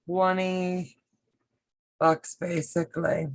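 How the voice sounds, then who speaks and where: A woman co-hosting a casual sewing chat, unhurried and joking dryly. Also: lowish voice, little pitch movement, a little hiss or hum. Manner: unhurried, dry quips, laughs along. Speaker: co-host.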